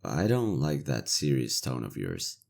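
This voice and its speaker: A male actor voices a cynical imperial interrogator in a fantasy audio drama monologue: a soldier with a conscience, speaking in a sardonic, weary, conversational manner. The voice is extremely low and gravelly with crackling fry, yet its intonation is lively. He delivers it unhurriedly in an exaggerated way, with a guarded, conflicted mood.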